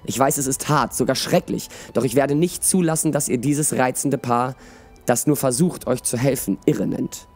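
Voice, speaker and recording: A man's voice: medium pitch, normal speed, faint music behind, voice pushed up, lightly acted. A man voicing a fiercely protective young woman in a read-aloud storybook, speaking sharply and firmly. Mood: stern. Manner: sharp, firm.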